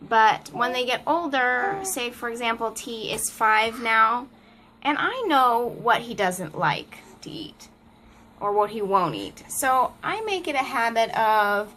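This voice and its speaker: Chatty mom talking to camera at home, bright voice a bit high, keeps turning to her little one. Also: lively intonation, slow pace, slight background noise. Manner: chatty, laughs often, breaks off to talk to her toddler. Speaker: mom vlogger. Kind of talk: casual chat to camera. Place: family home, indoors.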